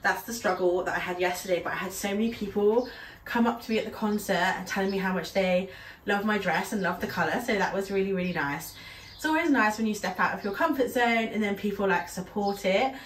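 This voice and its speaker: A brisk, mid-range voice belongs to a young British woman with a cold, chatting through a try-on haul with frequent ums and little laughs. She's a fashion vlogger in a small room at home, recorded by a camera across the room, so her voice sounds a little far off and echoey over slight background noise.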